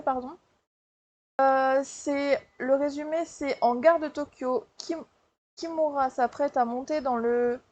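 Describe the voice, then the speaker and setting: Book vlogger, woman, high voice, chatty and hesitant, casual wrap-up feel, slightly dull recording. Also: darkish tone. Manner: chatty, hesitant, many fillers and restarts. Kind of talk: casual monthly reading wrap-up.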